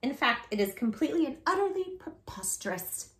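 A woman's voice: sits high, very animated, brisk. A woman in her thirties reading a children's book aloud as a storytime host, with a theatrical, exaggerated silly delivery. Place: small living room, indoors on a sofa.

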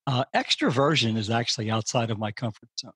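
An older man, a podcast guest, talking through ideas in a relaxed, reflective way. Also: fast, husky, dry recording. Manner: reflective, thinks aloud, animated rises in pitch. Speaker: podcast guest, strategic advisor. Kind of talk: casual conversation.

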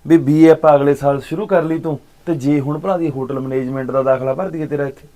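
A man, acting as an uncle in a short film, gently consoling and reassuring his niece. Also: fairly high pitch, steady tone, fast talker. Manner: warm, fatherly consoling. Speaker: uncle by marriage.

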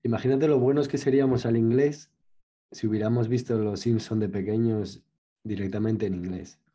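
A man's voice: on the low side, fairly even intonation, normal speed, mellow, slightly rough. A young Spanish man with a Spain Spanish accent, co-hosting a podcast and telling stories in an easygoing casual chat. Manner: storytelling, easygoing. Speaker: podcast co-host. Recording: dull lo-fi recording.

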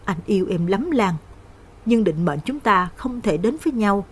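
A woman's voice: mid-range voice, expressive, normal speed, husky. A woman voicing a young man torn between love and fear, speaking firmly and defiantly. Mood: resolute. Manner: firm and defiant.

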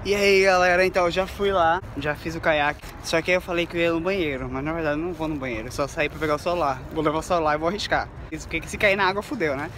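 A young man from Brazil in his twenties, chatting excitedly to viewers in a casual travel vlog, filming himself with a phone held at arm's length on a city waterfront pier. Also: a little high, racing, hardly any pauses. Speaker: vlogger.

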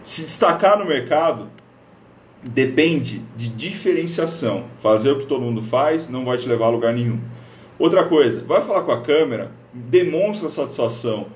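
A man's voice: medium pitch, lively intonation, moderate pace. A man from northern Paraná, Brazil, hosting a live stream and coaching viewers on social media in an upbeat, direct way, talking straight to the camera. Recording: echoey room.

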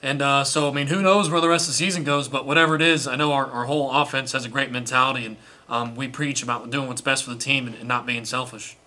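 A young man, a college quarterback, fields post-game questions in an indoor press room in front of a sponsor backdrop. His mid-range voice is steady, bright and forceful, and he talks fast. He answers earnestly but keeps making small restarts.

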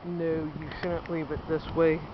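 Thirties woman, casual garden-tour vlogger, handheld outdoor camera with dull sound and steady background noise. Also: deep voice, measured pace. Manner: chatty, pointing things out while walking. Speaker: home gardener. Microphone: handheld camera at arm's length.

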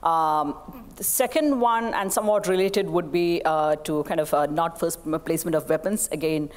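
Hesitant woman panelist in a reverberant hall. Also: deep voice. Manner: measured, hesitant with many fillers. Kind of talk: conference panel discussion. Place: stage of a conference hall.

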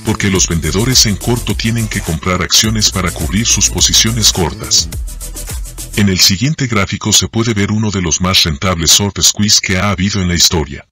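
A middle-aged man giving a measured, scripted narration for a finance lesson. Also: sits low, sharp tone. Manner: measured, explanatory delivery. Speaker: finance teacher.

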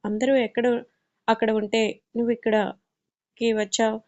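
A caring young woman friend with a gentle, reassuring way of speaking, as a woman storyteller reads her lines. Her voice sits a little high yet stays flat and mellow in tone. The storybook audio sounds slightly dull. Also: measured pace. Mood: gently reassuring.

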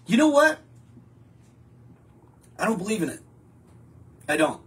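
Answering comments from viewers, this middle-aged man hosts a casual live stream in a rambling, talkative style, often restarting. His high voice swings widely in pitch at a measured pace and sounds fairly bright; he's in a home studio with a wallpaper backdrop.

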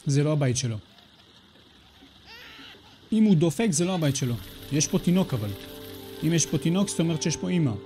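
A man's voice: on the high side, expressive, long pauses, mellow. A man hosting a let's play, giving casual, sarcastic commentary that mocks the game character. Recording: faint game music in the background.

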